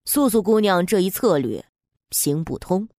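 A woman's voice: lowish voice, animated, unhurried, dark tone, no room sound, voice pushed down. A woman voicing a scornful young male nobleman who speaks in a cold, sneering way in a told story. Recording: dry, faint music behind.

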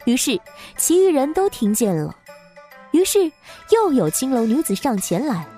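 A woman narrating a story in an expressive, dramatic way. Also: high voice, normal speed. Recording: faint background music.

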